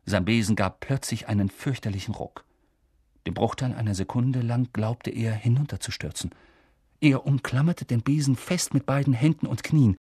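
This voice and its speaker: Male audiobook narrator, husky voice, dry close sound, dramatic. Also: mid-range voice, dry recording. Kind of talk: scripted narration.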